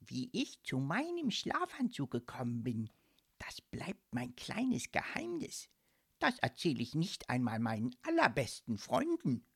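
Cast a woman playing a vain, friendly storybook ghost man; breathy, unhurried, secretive. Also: sits low, wildly swooping pitch, fairly bright tone, exaggerated voice. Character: cheerful vain male ghost in striped pajamas.

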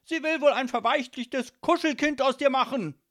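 A man voicing a loud, hot-tempered mafia boss father who blusters and bellows in a storybook reading. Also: mid-range voice, huge pitch swings, a little slow, gravelly, husky, dry recording, studio quality, exaggerated voice. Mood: outraged.

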